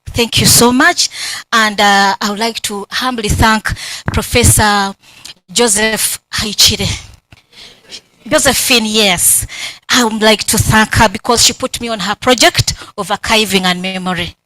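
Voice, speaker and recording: A Ugandan woman with a Ugandan English accent, giving emotional, animated thanks at her doctoral defense and acting out remembered conversations. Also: mid-range voice, unhurried, dry recording, poor audio. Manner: emotional, grateful, animated storytelling with quoted dialogue. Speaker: PhD candidate. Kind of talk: acknowledgements at a thesis defense. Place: university hall.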